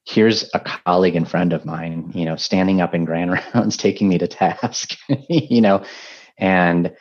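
A man, a guest on a podcast, telling a story from his career quickly, laughing softly at points. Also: low voice, steady tone, highs cut off. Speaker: health system ethics executive, guest. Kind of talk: anecdotal conversation.

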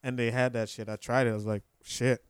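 A man's voice: mid-range voice, little pitch movement, a little fast, smooth, no room sound. A man, co-hosting a casual podcast chat, laid-back and slangy, often swearing and laughing. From Trinidad. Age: 30s. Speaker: podcast co-host.

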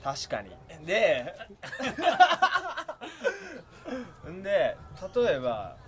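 A man's voice: on the high side, very animated, slow pace, a crowd in the background. A young man with a Kansai accent chatting casually and playfully, laughing often. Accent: Kansai Japanese. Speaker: conversation partner. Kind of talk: casual chat.

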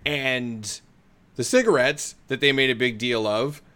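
A man's voice: mid-range voice, measured pace, sharp tone. A man co-hosting a podcast in casual chat, laid-back, with short agreeing replies and dry asides. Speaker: podcast co-host. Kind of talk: casual chat about a TV episode.

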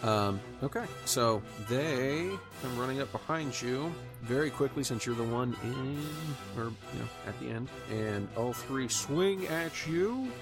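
A man's voice: mid-range voice, unhurried, few pauses, over music. A man running a tabletop game as game master, chatty, with frequent laughs.

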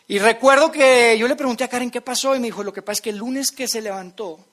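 A man's voice: high voice, a bit bright. A man, preaching a sermon and telling a personal story straight to his listeners. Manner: earnest storytelling, addresses audience directly.

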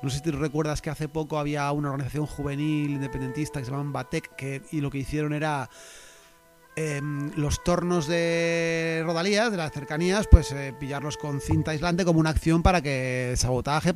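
Joking podcast host, slightly high voice. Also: male voice, steady tone, fairly quick, music in the background. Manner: joking, rambling with many fillers. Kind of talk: casual satirical chat.

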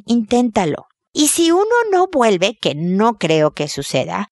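A woman's voice: on the high side, a little mellow, dry recording. Brief: middle-aged woman, advice host, chatty, acts out scenes, dry close sound. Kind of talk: advice talk to a listener.

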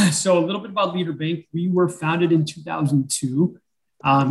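A man on a video call, answering interview questions as a bank president in an unhurried way, with frequent fillers and throat-clearing. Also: on the high side, rough recording.

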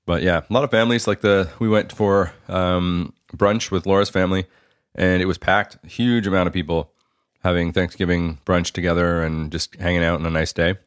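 A man's voice: deep voice, steady tone, moderate pace, clear, resonant tone, no room sound, clean studio sound. A man, co-hosting a casual chat podcast, joking and talking between bites of food. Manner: joking, talks while eating. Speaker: podcast co-host.

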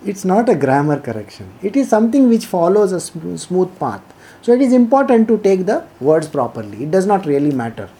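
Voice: mid-range voice, big pitch swings, brisk, mellow. A spiritual teacher from India with an Indian accent, reading scripture and explaining it informally in a didactic way, repeating phrases for emphasis.

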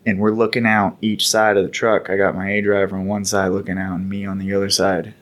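A man's voice: sits low, flat delivery, a little fast. A man casually recounting stories from his military service on a podcast, in a rambling, laid-back way with occasional laughs. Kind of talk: casual storytelling.

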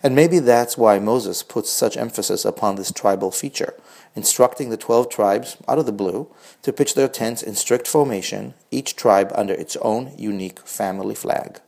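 A man's voice: lowish voice, moderate pace, creaky, darkish tone. A man in his forties with a wry, reflective manner, reading his own scripted personal essay as a blog host.

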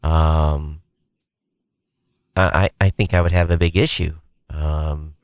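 A man's voice: rumbling low, steady tone, slow, no echo. A man co-hosting a podcast in casual chat, talking in a hesitant way with many restarts. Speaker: podcast co-host.

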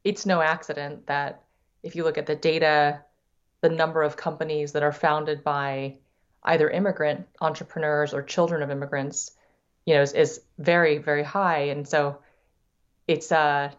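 On a muffled podcast recording, an investor guest talks at a normal pace in a deep, flat voice. She's middle-aged, grew up in the United States, and Thai is her first language. Her reflective answers are full of restarts and repeated words.

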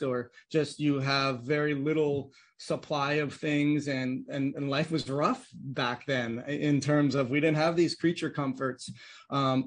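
Brief: male podcast host and clinician, fairly high voice, casual and rambling, explains in long chains. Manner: thinks aloud in long winding explanations. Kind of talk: casual conversational interview.

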